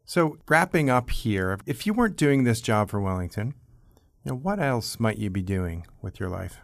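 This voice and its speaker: A man's voice: lowish voice, very animated, normal speed, vocal fry, no echo. A man hosting a conversational podcast interview, friendly and upbeat. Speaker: podcast host.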